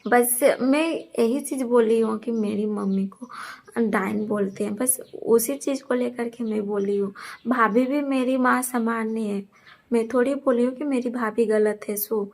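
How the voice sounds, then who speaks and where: Young vlogger girl, gravelly kinda flat voice, keeps explaining herself to viewers. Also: on the high side, measured pace. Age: young adult. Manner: earnest, defensive, repeats her points. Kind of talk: casual talk to camera.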